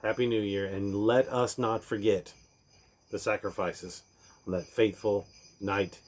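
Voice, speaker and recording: Reading a parody Christmas storybook in rhyme, this man speaks at a measured pace in a fairly low voice with fairly even intonation. He performs it theatrically and emphatically, each line building up before falling off at the end.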